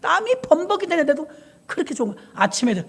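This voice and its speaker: A woman pastor preaching in a church, telling her story in lively bursts and hushed asides. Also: high voice, fast talker, vocal fry. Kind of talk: sermon.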